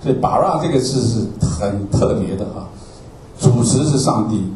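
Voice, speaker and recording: An animated man with a mid-range, slightly mellow voice explains Bible class slides word by word at a normal speed. He repeats points, ends phrases with "ah" and keeps asking "okay?". A distant mic gives a roomy sound with faint ambience and a little hiss or hum.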